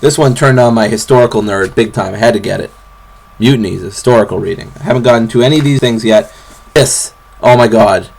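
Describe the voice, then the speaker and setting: This vlogger, a young man sitting on his bed, talks briskly and casually with plenty of fillers and restarts, recorded through the camera's own mic. His voice is very low, bassy and gravelly, with a darkish tone.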